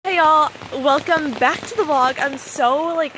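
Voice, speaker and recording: A woman's voice: high-pitched, a little slow, bright, forceful tone, slight background noise, low-quality recording. A young woman chatting casually to a vlog, raising her voice to be heard over heavy rain drumming on her umbrella, recorded outdoors on a phone. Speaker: vlogger. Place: outdoors at a campsite under an umbrella in pouring rain. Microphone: phone at arm's length, close to face.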